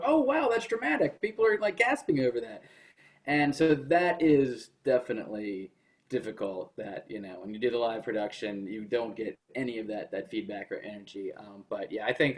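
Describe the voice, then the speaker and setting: A man's voice: mid-range voice, darkish tone. A male cast member on a video call, talking animatedly and acting out reactions in a casual panel.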